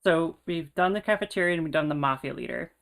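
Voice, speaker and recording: Woman player, low-ish, clean resonant voice, stammering delivery. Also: fast. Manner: stammering, laughing. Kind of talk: tabletop game play.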